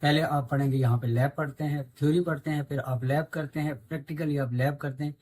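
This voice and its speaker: A man's voice: fairly high pitch, steady tone, brisk, a little mellow, dry recording, low-quality recording. A man with a Pakistani accent, a flight simulator instructor explaining the cockpit instruments, mixing English aviation terms into his talk.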